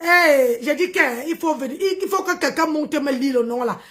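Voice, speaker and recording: A woman with a high voice rants on a livestream. She mocks and confronts, hammers her points by repeating phrases, and often breaks into shouts. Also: normal speed. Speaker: livestream host. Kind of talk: livestream rant.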